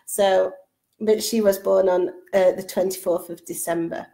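A middle-aged woman hosts a casual live stream from her living room sofa, reading viewer comments aloud and chatting with her young daughter beside her. Her mid-range, creaky voice moves a little slowly with fairly even intonation, and she's chatty, making warm asides to her daughter and restarting often. A webcam picks her up at close range.

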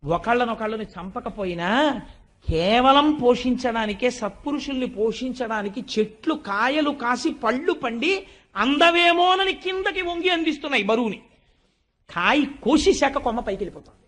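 A man's voice: very high-pitched, expressive, normal speed, fairly bright tone, full character voice. A man voicing a stern old male sage who scolds a king brusquely, within a devotional discourse. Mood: scolding. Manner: brusque, dismissive.

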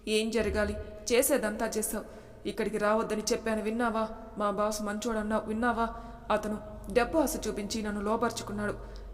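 A woman's voice: mid-range voice, flat delivery, a little fast, natural voice. A woman voicing a young wife and mother in distress, pleading and tearful, close to her own voice. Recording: long reverb.

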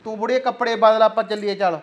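A man's voice: sits high, fairly even intonation, fast talker, dull audio, lightly acted. A man playing a callous, greedy son-in-law who talks in a pushy, dismissive way in a village short film.

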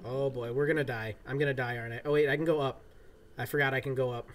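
Chatting casually on a livestream as he plays, a man in his thirties rambles from his home gaming room, filling his speech with fillers in a laid-back manner. His medium-pitched voice holds a steady tone at a quick pace.

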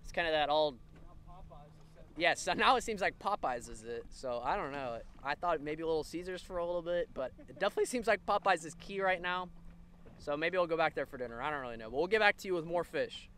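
A man's voice: on the high side, expressive, brisk, a bit bright, slight background noise. A man in his twenties vlogging casually from a fishing boat on a lake, talking loosely to viewers he calls folks. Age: 20s. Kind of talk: casual on-the-water vlog. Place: outdoors on a bass boat on a lake. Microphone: camera mounted on the boat, close framing.

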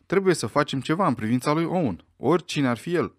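A man reading an audiobook voices an indignant elderly general who blusters loudly. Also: fairly high pitch, animated, no room sound, studio quality, voice pushed up.

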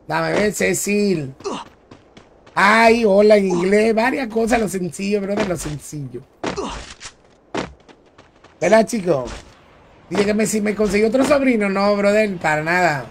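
A man's voice: high voice, expressive, measured pace, long pauses, a little hiss or hum. A young man, streaming a game and joking with his viewers in casual chat. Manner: chatty, joking, reads and answers viewers. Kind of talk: casual live-stream chat while playing.

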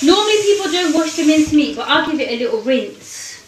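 A woman's voice: high voice, lively intonation, fast talker, recorded from a distance, background noise. A young woman from the UK with a British accent, chatting playfully on a home cooking livestream and calling viewers darling. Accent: British English. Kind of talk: live cooking chat, reading viewer comments. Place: home kitchen. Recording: roomy kitchen echo. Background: faint music and frying sizzle.

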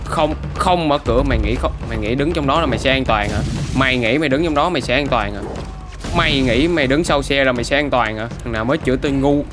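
A man's voice: mid-range voice, fast talker. A man giving casual, playful gameplay commentary full of boastful trash talk. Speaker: gaming YouTuber. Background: background music.

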